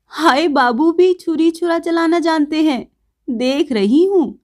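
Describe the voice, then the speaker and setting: A woman's voice: fairly high pitch, animated, unhurried, dark tone. A woman voicing a proud young woman with a raised, emphatic delivery in a read-aloud story. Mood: teasing. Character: proud young woman, teasing then pleading.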